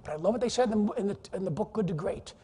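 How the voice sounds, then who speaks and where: A man giving an animated, joking keynote talk to a live audience in a conference hall, teasing the crowd as he goes. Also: high voice, very fast, breathy edge. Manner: animated, jokey, teases the audience. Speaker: keynote speaker. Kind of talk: energetic, humorous business presentation.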